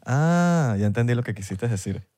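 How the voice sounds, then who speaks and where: A man's voice: medium pitch, animated, moderate pace, darkish tone. A man with a Venezuelan Spanish accent co-hosting a podcast, chatting casually and joking with a friend. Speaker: podcast co-host. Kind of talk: casual chat.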